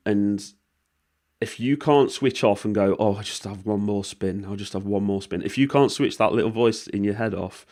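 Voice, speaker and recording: Over a screen recording, a British vlogger explains money-making offers in a casual, rambling way, tossing in lots of ums and the occasional swear word. His low-ish voice is hoarse and worn from a cold, with a slightly mellow quality.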